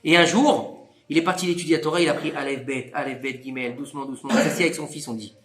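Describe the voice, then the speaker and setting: Brief: bright, high-voiced rabbi, lively storyteller, echoey room. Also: male voice, quick pace. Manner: animated, acts out dialogue with big pitch swings. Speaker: rabbi teaching a Torah class. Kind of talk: lively storytelling Torah lesson.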